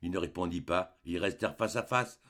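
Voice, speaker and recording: A man reading a literary short story aloud with measured, dramatic narration. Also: low-pitched, fairly bright tone.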